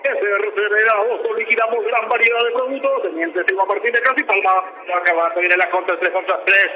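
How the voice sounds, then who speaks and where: A Paraguayan man doing breakneck, excitable live radio football commentary, with drawn-out cries and repeated words. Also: high-pitched, lo-fi sound, noisy background.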